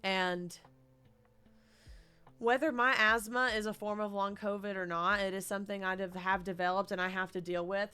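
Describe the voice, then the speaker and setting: A woman's voice: medium pitch, pushed and bright, clean tone. A woman live-streaming from her living room, ranting in an exasperated way and swearing often. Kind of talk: casual live-stream commentary.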